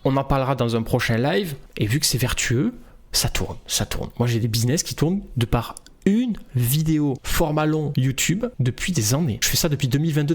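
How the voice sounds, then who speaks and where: A man talking casually on a livestream as an online business coach. His delivery is relaxed and conversational, with loose, rambling sentences and plenty of casual fillers. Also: medium pitch. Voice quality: relaxed, chatty, frequent fillers and restarts.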